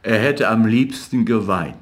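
A man reading literary fiction aloud as an audiobook narrator in a measured, even way. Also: fairly low pitch.

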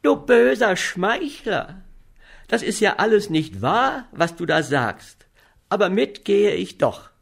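A man's voice: sits high, very animated, takes it slowly, gravelly, breathy edge, voice pushed up, heavily acted. A man reading an audiobook, voicing a sweetly enthusiastic young woman in a raised, eager tone. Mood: teasing. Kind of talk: audiobook character voice.

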